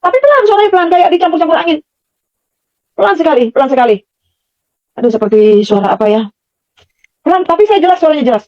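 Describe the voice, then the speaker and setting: A woman's voice: high voice, animated, fast talker, long pauses, dry recording, muffled recording. A middle-aged woman giving an earnest personal testimony, repeating phrases for emphasis. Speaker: testimony speaker.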